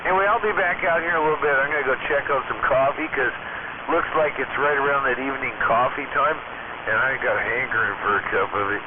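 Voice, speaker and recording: Casting: folksy man, casual rambling radio chat, thin band-limited sound buried in loud static. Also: medium pitch, fast talker. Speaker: radio hobbyist. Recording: very noisy, staticky narrowband radio room audio.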